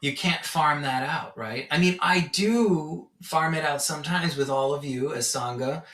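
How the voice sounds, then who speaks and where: Here a man with a somewhat high voice and a measured pace gives an informal spiritual teaching as a meditation teacher. His storytelling is lively and he acts out how he reacted. The mic is far off, leaving a roomy echo.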